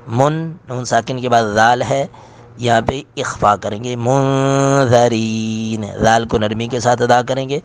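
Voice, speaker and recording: A man teaching Quran recitation, chanting verses slowly and melodically, then briskly explaining pronunciation rules. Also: medium pitch. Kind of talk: tajweed lesson with recitation.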